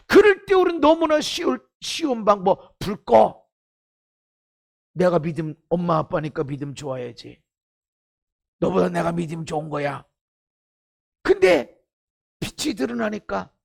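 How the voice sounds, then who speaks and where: A middle-aged male pastor preaching a sermon, swinging between hushed asides and shouted emphasis and acting out quoted inner voices. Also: extremely high pitch, vocal fry.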